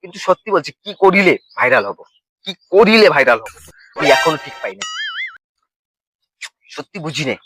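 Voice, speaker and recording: A man's voice: fairly high pitch, very animated, normal speed, long pauses, music in the background. A young man with a Bengali accent who rambles through a comic monologue, fumbling his words and slipping into sing-song lines and mock wailing. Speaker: comedy vlogger.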